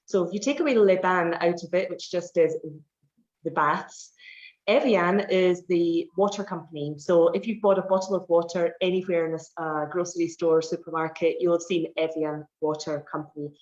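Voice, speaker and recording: Low-voiced Scottish woman. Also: steady tone, moderate pace, darkish tone. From Scotland. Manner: chatty, explains with many fillers. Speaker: personal fitness trainer, guest. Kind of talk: casual interview answers. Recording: roomy, dull online call audio.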